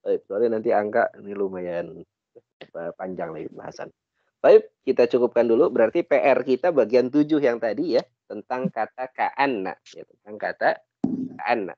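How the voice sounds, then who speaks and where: A man's voice: medium pitch, moderate pace, dry recording, dull audio. A man with an Indonesian accent teaching an online Arabic class, patiently correcting and translating phrases.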